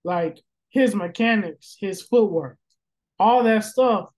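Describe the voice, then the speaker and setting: Rambling high-voiced man on a sports podcast. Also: slow pace, darkish tone, rough recording. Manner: rambling, many fillers and restarts, profane. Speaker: podcast host. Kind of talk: casual sports podcast chat.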